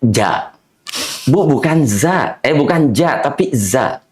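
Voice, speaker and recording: A man's voice: a little high, measured pace. A man, a Quran recitation teacher, telling teaching stories in a casual conversation and imitating his students' mispronunciations. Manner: animated, mimics students' mispronunciations, laughs often.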